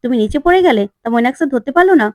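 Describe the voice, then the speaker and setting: A woman voicing a defiant, sharp-tongued young woman in a retold TV serial, full of challenging questions. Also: high voice, expressive, racing, no room sound. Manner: challenging, sarcastic.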